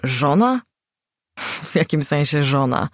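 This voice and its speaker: Kobieta grająca jąkającego się, zagubionego młodego mężczyznę. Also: female voice, sits low, very animated, takes it slowly, no echo, clean studio sound, full character voice. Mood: bewildered. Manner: thin voice, stammering. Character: confused hungover young man, newly wed, timid.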